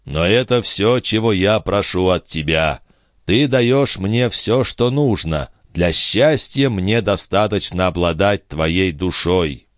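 A man voicing Balsamo, a proud, ambitious man who speaks in a measured, soothing way in an audiobook reading. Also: low-pitched, dry recording, studio quality. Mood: calm. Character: ambitious man, calm, proud, tender but cool.

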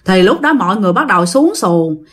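A woman's voice: medium pitch, sing-song, fairly quick, a bit bright. A woman with a Southern Vietnamese accent casually telling a ghost story, chatting directly to her listeners. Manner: chatty, addresses listeners directly, acts out quoted speech.

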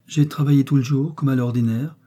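A man voicing a quiet, dignified young wife who speaks in a restrained, composed way in an audiobook. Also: mid-range voice, fairly even intonation, a little fast, pitched above the performer's own voice, natural voice.

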